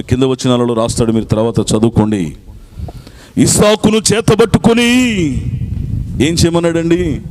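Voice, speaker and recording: A male pastor preaching a sermon in a church at a night meeting, repeating scripture phrase by phrase and urging the congregation to answer loudly. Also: medium pitch.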